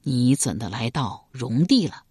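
A woman voicing a grave, dignified ancient king who speaks slowly and solemnly in a storybook reading. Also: extremely low pitch, expressive, dark tone, husky, no echo, studio quality, voice pushed down, exaggerated voice. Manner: slow, measured, solemn.

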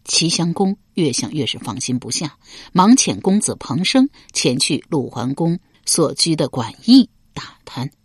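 A woman storyteller reading a historical novel aloud, her voice sitting fairly low. Her narration is dramatic and expressive, her pitch moving a great deal, and the sound is close and dry. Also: a little slow, breathy edge, dry recording.

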